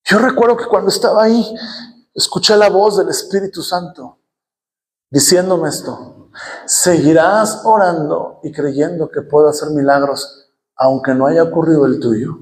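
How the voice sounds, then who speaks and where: Mexican pastor, middle-aged man, high voice, preaches a church sermon with impassioned shouting. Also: a little slow. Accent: Mexican Spanish. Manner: storytelling, rising to passionate shouting.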